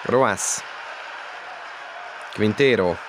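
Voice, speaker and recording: A man with a fairly low voice commentates a football video game live in an excitable manner. His pitch climbs when play heats up. Loud stadium ambience runs behind him throughout. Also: background noise. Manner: excitable, voice jumps up on goals and chances.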